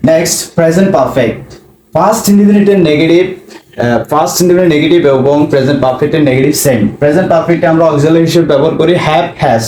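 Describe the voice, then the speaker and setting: A man from Bangladesh teaching a spoken English lesson, slowly drilling phrases. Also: on the high side, a little mellow, slight background noise. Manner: slow, repeats drill phrases. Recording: echoey room.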